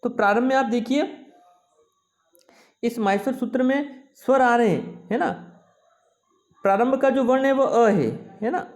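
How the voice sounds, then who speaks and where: A man's voice: very high voice, darkish tone. Hindi-speaking man teaching Sanskrit. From India. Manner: slow and explanatory, repeating "है ना" and "ठीक है" to check understanding; draws out vowels to show their length. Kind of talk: classroom lesson.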